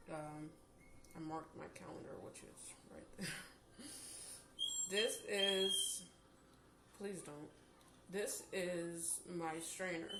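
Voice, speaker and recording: A tired woman recovering from surgery, casually giving practical advice to viewers in a vlog. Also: on the low side. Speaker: vlogger sharing her jaw surgery recovery. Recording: echoey room with clear background noise.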